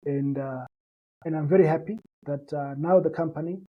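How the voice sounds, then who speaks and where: This man's voice sits on the high side and moves at a moderate pace, captured with lo-fi sound. He is a Zimbabwean company founder, a native Shona speaker, pitching his business earnestly and conversationally in an interview while leaning on lots of fillers and repetitions.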